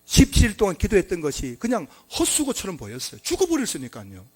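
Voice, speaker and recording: Animated male pastor preaching a sermon. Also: high voice, fast talker. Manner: emphatic, swings between loud exclamations and quiet asides.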